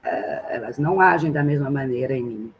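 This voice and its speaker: A French translation professor speaks Portuguese with a French accent as a guest in an online seminar, in a rumbling low voice at a moderate pace. Her reflective talk has her thinking aloud with many fillers and tag questions, over a little hiss or hum.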